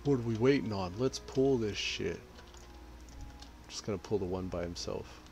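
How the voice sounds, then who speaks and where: A man's voice: fairly low pitch, moderate pace, a little hiss or hum. A man from Texas, casually commenting on his game and reading chat aloud while he plays. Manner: relaxed, reads chat aloud while playing. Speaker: gaming streamer. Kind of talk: casual live-stream commentary.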